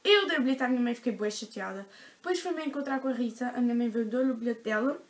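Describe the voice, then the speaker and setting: A teenage vlogger with a European Portuguese accent tells a story to her viewers. Her voice sits a little high, and she talks in a chatty, dramatic rush, peppering her sentences with fillers. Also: fast talker. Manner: chatty, dramatic retelling with frequent "tipo" fillers. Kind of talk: casual storytelling to camera.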